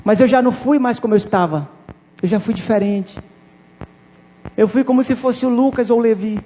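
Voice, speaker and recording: A pastor preaching a sermon, telling a personal testimony with emphatic repetition. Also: male voice, very high-pitched, normal speed, warm tone, big-room sound, slight background noise. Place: church.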